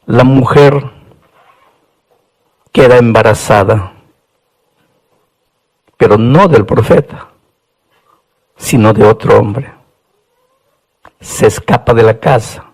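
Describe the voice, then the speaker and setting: Slow, impassioned male preacher. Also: darkish tone, poor audio. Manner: impassioned storytelling, voice climbing high at its peaks. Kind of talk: sermon.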